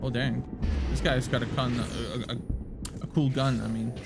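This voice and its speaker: A man's voice: mid-range voice, little pitch movement, moderate pace, gravelly. Brief: casual male game streamer, rambling and jokey, music playing behind. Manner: rambling, laughing, swears offhand. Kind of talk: casual live-stream chat.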